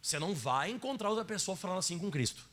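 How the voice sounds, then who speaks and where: Male pastor, Brazilian accent; lively, emphatic sermon delivery, calls the crowd brother. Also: sits high, racing. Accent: Brazilian Portuguese. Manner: emphatic, keeps addressing the congregation as brother.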